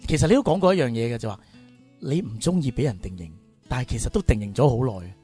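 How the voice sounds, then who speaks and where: A man's voice: medium pitch, expressive, fast talker, mellow, breathy edge, faint music behind. A man with a Hong Kong Cantonese accent hosting a radio interview in a chatty, colloquial way, with long-winded questions. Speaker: radio show host. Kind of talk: conversational interview.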